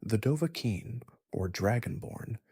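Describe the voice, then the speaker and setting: Soft, whispery, low-creaking man narrating for sleep. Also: expressive, no room sound, studio quality. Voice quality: breathy, husky, partly whispered. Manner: slow, gentle, soothing delivery.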